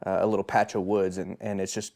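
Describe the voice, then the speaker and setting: A young man co-hosting a podcast, telling a spooky story in a lively way, laughing and calling his friend bro. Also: low-pitched, fast talker. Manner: animated, laughing, says bro a lot. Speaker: podcast co-host. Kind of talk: casual chat, telling a scary anecdote.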